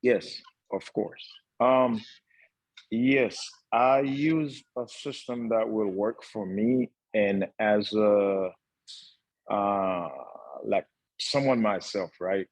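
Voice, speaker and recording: A young man from Haiti, a guest entrepreneur on a talk show, speaking earnestly with many pauses and fillers. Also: lowish voice, no room sound, low-quality recording. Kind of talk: casual talk-show conversation.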